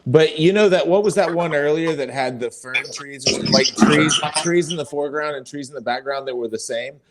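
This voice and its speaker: A man's voice: on the high side, a little fast, a crowd in the background. A middle-aged man, a tattoo artist, talking casually and explaining composition at length in a group chat.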